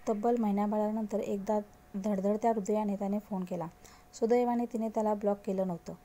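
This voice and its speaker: A woman storyteller reading a story aloud in a measured, even manner. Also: mid-range voice. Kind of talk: read-aloud story narration.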